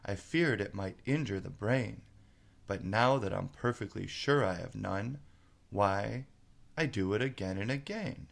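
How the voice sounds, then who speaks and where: A man playing an unruffled, boastful old sage, reciting comic storybook verse in measured lines. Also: lowish voice, creaky. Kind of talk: storybook poem reading.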